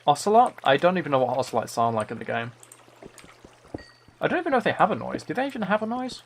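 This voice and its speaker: A playful guy streaming a game talks fast in a fairly high voice with big pitch swings and a bit of vocal fry. The livestreamer and author rambles through casual chat with viewers, trying out impressions of game sounds. Faint keyboard typing and clicking add light noise and key clicks to the recording.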